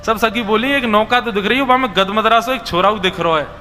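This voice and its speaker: A man with a Braj accent narrating a devotional story in an animated, explaining way. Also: high voice, brisk. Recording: reverberant hall with music behind.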